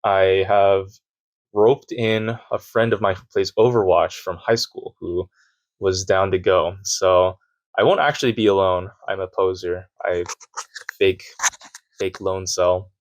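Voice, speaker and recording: A man's voice: low voice, steady tone, measured pace. A man who makes videos and streams, talking nervously and self-deprecatingly in a casual vlog from a sparse room at home. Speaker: YouTuber and streamer.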